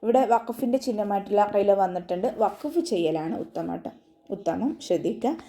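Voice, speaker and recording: With a warm tone and lively intonation, a medium-pitched woman teaches Quran recitation online at a slightly fast pace. Her pronunciation instruction is patient and step-by-step, sprinkled with tag questions.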